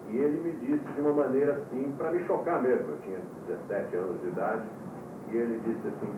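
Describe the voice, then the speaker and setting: A man who is a yoga teacher lectures to his students, explaining calmly and jumping up in pitch when he stresses a point, heard from an old VHS tape. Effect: old VHS tape recording. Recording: tinny, roomy, distant, hissy old VHS tape.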